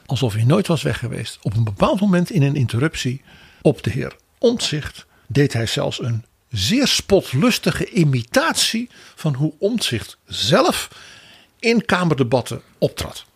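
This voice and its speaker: Male podcast co-host, raspy and gravelly, lively wry political commentary, dry close mic. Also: a little high, a little slow, no room sound. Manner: animated, wry commentary with quoted asides. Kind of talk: political analysis chat.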